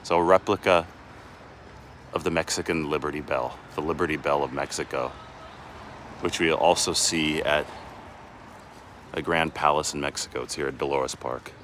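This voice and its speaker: A man's voice: rumbling low, steady tone, moderate pace, pauses often, a bit bright, a little hiss or hum. A sports reporter chatting casually outdoors while walking with a handheld phone camera, rambling and often restarting his sentences. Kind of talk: casual live walking vlog. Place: outdoors on city streets and in a park.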